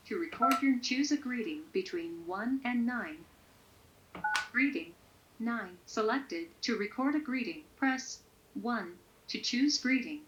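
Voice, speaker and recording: A woman's recorded voicemail prompts, heard through a landline phone speaker and read out in an even, measured way. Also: a little high, slight background noise. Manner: even, measured menu announcements. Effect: heard over a landline phone speaker. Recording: muffled lo-fi phone audio.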